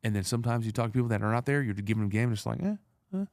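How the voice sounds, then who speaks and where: A man's voice: on the low side, flat delivery, racing, darkish tone, dry recording, studio quality. A man in his thirties, an entrepreneur guest, telling blunt, profane stories in streetwise slang. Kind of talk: casual storytelling.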